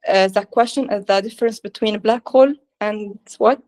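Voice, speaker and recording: Halting woman presenter with many pauses. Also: mid-range voice, steady tone, darkish tone, poor audio. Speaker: student presenter. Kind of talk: answering questions in a webinar.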